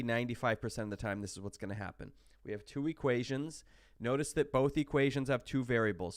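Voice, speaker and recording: A sick math instructor with hiccups talks casually through a recorded online math lecture, full of fillers and restarts. His voice is medium-pitched, and the studio-quality recording has no room sound.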